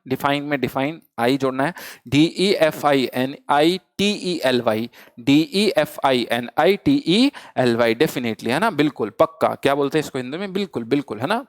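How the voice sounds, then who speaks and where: Hindi-speaking teacher spelling words aloud. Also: male voice, mid-range voice, dry recording. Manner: drills spelling letter by letter, asks and repeats answers; mixes Hindi and English. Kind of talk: online vocabulary lesson.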